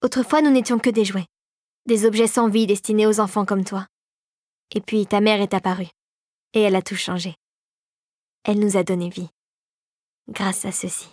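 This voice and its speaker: A woman voicing a grave, regal fairy queen in a storybook reading, speaking in a solemn, measured way. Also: medium pitch, steady tone, a little mellow, dry recording, clean studio sound, lightly acted. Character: grave, regal female sugar plum fairy.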